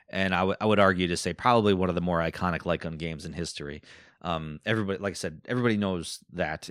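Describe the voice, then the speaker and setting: A man's voice: low-pitched, fairly bright tone, no room sound, studio quality. A man with an Eastern European accent hosting a podcast, talking casually and rambling with fillers and asides. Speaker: podcast host. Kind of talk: casual solo podcast talk.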